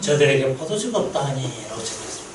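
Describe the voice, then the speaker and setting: In a church sanctuary, a missionary pastor preaches at a mission meeting, telling lively stories and putting questions to the congregation. His medium-pitched voice moves quickly and sounds reverberant, picked up far from the mic against a noisy background.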